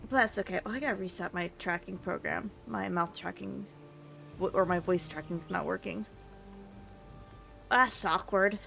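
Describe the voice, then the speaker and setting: A woman's voice: mid-range voice, vocal fry, a bit bright. A young woman, chatting casually with her stream while out of breath, rambling and laughing often. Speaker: vtuber streamer.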